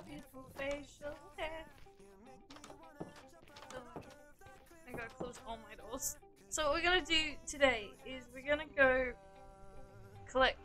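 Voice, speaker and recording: A woman's voice: high voice, pushed and bright. A young woman livestreaming in a casual chat, playfully teasing her viewers and giggling often.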